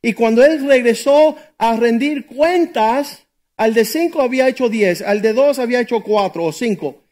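High-voiced middle-aged male pastor preaching. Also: moderate pace, darkish tone. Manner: conversational preaching, rhetorical questions. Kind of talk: sermon.

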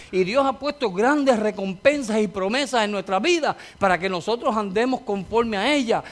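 A man preaching a sermon in a church with impassioned energy, often shouting and calling out amens. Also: high-pitched.

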